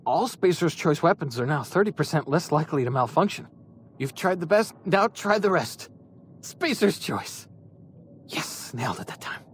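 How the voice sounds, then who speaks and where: Actor as high-voiced wounded company guard. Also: male voice, lively intonation, moderate pace, a little hiss or hum, lightly acted. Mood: salesy, strained. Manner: colloquial, slogan-reciting, pained. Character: wounded, chatty corporate guard, dutiful and hapless. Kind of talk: video game character dialogue.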